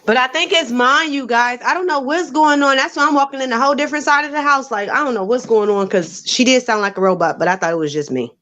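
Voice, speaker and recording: A woman's voice: high voice, fast, hardly any pauses, fairly bright tone. A woman co-hosting a casual chat show, making blunt, emphatic asides. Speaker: podcast co-host.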